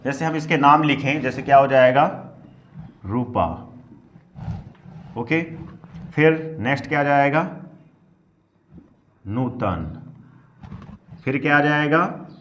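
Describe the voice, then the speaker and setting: A man's voice: a little high, fairly even intonation, unhurried, long pauses, a bit bright, slight background noise. A male English teacher giving a classroom spelling lesson, asking questions and answering them himself while drilling words syllable by syllable.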